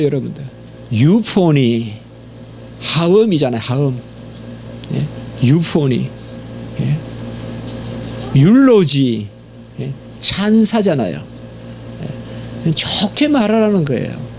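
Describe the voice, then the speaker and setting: A man's voice: very animated, slow pace, creaky, pauses often, a little mellow, a little hiss or hum. A middle-aged man with a Gyeongsang Korean accent preaching a sermon as pastor, emphatic, with frequent affirming fillers. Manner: emphatic, pitch leaps on exhortations, frequent "예" fillers. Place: church sanctuary.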